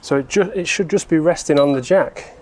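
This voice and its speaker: A man's voice: on the high side, fairly quick, a little mellow, slight background noise. Man giving casual hands-on repair narration. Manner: informal, explaining step by step. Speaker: presenter of a car repair vlog.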